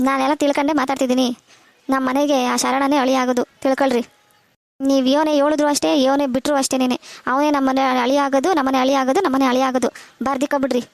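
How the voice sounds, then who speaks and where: Woman doing a bossy village mom for a cartoon, lower than her usual pitch, fast, gravelly, insistent. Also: level tone, dry recording. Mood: defiant. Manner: insistent, repeats herself. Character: stubborn middle-aged village mother, bossy. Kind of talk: cartoon voice acting.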